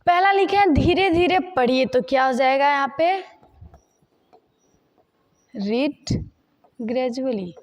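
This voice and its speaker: High-voiced woman teaching English slowly. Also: a little hiss or hum. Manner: repeats phrases slowly while writing examples. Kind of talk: spoken English lesson explained in Hindi.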